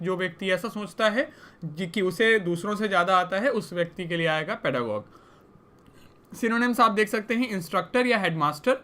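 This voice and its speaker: Young woman, teacher, vocabulary lesson, clear bright voice, keeps asking questions. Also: mid-range voice. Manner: explains each word, then asks students rhetorical questions. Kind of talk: vocabulary lesson in Hindi and English.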